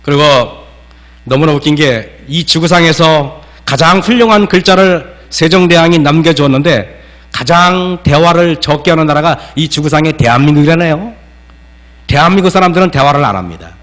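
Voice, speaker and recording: A man's voice: fairly high pitch, a bit bright. A male pastor preaching a sermon, asking the congregation questions and acting out scolding parents in a raised voice.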